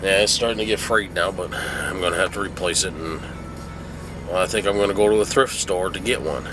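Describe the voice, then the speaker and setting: A man's voice: low voice, fairly quick, over music, poor audio. A middle-aged man, sick and groggy as if hungover, talks casually in a folksy, plainspoken way as a truck driver vlogging. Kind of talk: casual vlog talk. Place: truck cab.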